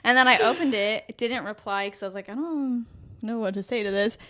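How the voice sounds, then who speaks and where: A young woman co-hosting a chatty podcast, her voice sitting a bit high. She rambles through stories, restarts herself and laughs easily as she goes. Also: fairly quick, a bit bright. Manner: rambling, laughs often, self-correcting storyteller. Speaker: podcast co-host. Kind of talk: casual chat.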